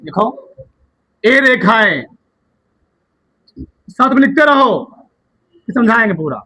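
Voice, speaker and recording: A man teaching a class in a strikingly high voice with a sharp, bright edge. He dictates notes word by word, repeating key terms, and keeps quizzing his students to check they follow. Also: big pitch swings, slow pace, rough recording.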